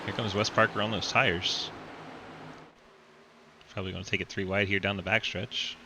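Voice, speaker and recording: Guy with a low gravelly voice calling an online race, noisy stream audio. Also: level tone, sharp tone. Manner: quick play-by-play, laughs often. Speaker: race commentator. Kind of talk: sim racing play-by-play commentary.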